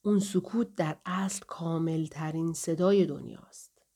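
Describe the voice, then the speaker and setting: A woman voicing a drunken, brutal male soldier who slurs and drawls, turning hushed and whispery at times. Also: low-pitched, husky. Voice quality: slurred drawling speech. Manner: menacing, sometimes hushed and whispery.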